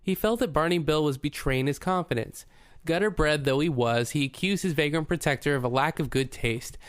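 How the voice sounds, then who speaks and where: Smooth-voiced male audiobook narrator. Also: on the high side, normal speed, no echo. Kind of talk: scripted narration.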